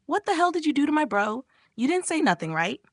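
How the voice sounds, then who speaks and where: A woman's voice: a little high, sing-song, moderate pace, a bit bright, no room sound. Lady playing a worried little sister, pleading, voice jumping all over, dry sound. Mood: flustered. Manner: anxious, pleading. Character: flustered caring younger sister.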